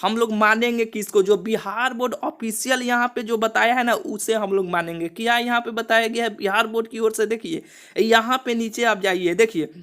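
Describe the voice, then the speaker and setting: A man's voice: high voice, fairly even intonation, moderate pace, a bit bright. A young man explains exam rules to students in a video, repeating himself and leaning on small filler words as he goes. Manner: repetitive, keeps saying "see" and "okay". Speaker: exam coaching channel host.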